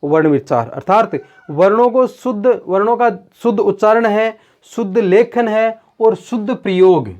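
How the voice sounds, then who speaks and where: A man's voice: sits high, a little slow, darkish tone. A man teaching a grammar lesson in a classroom-style lecture, explaining step by step and answering his own rhetorical questions. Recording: dull lo-fi sound.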